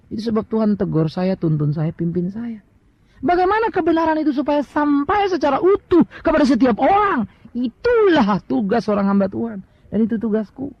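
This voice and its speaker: Middle-aged male pastor, Indonesian accent, very high gravelly voice, storytelling sermon, dry lo-fi recording. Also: no room sound. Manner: storytelling with rhetorical questions and English asides. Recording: dry, dull lo-fi sound.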